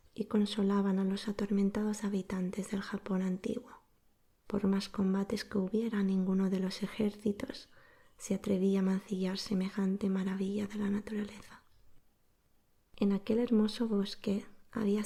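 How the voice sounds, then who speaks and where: Female bedtime-story narrator, ASMR: soft breathy whisper, relaxed, soothing, level intonation. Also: medium pitch. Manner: soothing, slow-paced, hushed narration.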